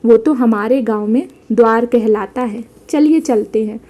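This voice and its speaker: An innocent young village bride who takes every word literally, speaking in simple, rustic phrases, as a woman narrator puts her on. The voice sits fairly high and sounds mellow. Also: measured pace. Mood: earnest. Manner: simple rustic speech, earnest.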